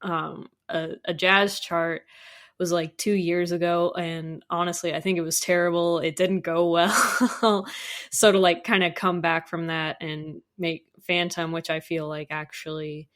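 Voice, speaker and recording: In a relaxed podcast interview, a woman who writes music for audio dramas chats with informal enthusiasm. Her voice is on the low side and fairly bright, steady in tone and measured in pace.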